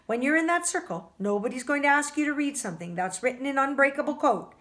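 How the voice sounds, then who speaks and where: Woman, book club reader, novel read aloud, expressive, fairly high voice. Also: fast talker. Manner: expressive, stumbles over words.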